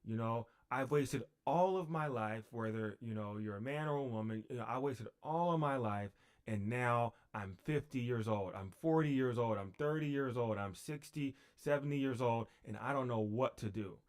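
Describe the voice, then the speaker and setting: A man's voice: medium pitch, normal speed. A man teaching on a livestream. He talks unhurriedly, with fillers and repeated phrases.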